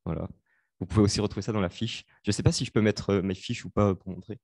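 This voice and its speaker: Young man tutoring, halting with fillers. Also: fairly low pitch, fairly even intonation, gravelly, a little mellow, no echo, clean studio sound. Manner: hesitant, many fillers, explains step by step. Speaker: student tutor. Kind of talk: live online revision session.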